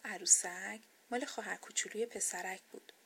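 A woman reading a children's bedtime story aloud, soft, gentle and expressive. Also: mid-range voice, creaky, a little hiss or hum.

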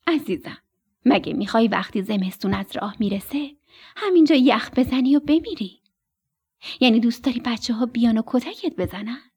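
A woman's voice: on the high side, expressive, mellow, husky. A woman voicing a strict, protective mother stork in a children's radio story. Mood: coaxing. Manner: coaxing, instructive.

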